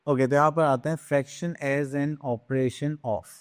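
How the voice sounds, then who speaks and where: A man teaching a math lesson on fractions, asking questions and answering them himself, slipping into English terms and reading numbers out slowly. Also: on the high side, fairly even intonation, clear, resonant tone, dry recording, clean studio sound. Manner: drawn-out slow reading of numbers.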